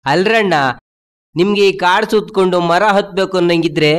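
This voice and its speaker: An actor playing a grumbling comic servant who complains and flatters his boss in a whiny, wheedling way. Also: high-pitched, normal speed, smooth, natural voice. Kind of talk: comic film dialogue.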